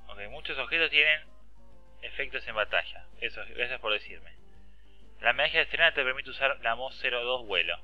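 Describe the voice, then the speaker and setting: A man's voice: mid-range voice, animated, brisk, pushed and bright, faint music behind. A man with an Argentine accent giving casual game commentary, reading game text aloud, ranting and swearing freely. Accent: Argentine Spanish. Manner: chatty, swears often, reads game text aloud, rants. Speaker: gameplay commentator. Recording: dull lo-fi dry sound.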